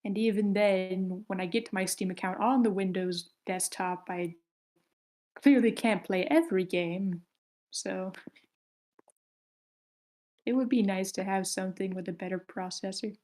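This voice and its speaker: Hosting a table read over a voice call, this woman chats casually and courteously while assigning roles to the group. She has a mid-range, slightly mellow voice, a somewhat slow pace, and long pauses.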